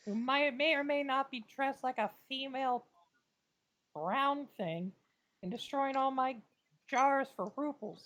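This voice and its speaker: Higher-voiced woman joking at game night. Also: a little slow, fairly bright tone. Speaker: player in a tabletop game. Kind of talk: casual joking table-talk.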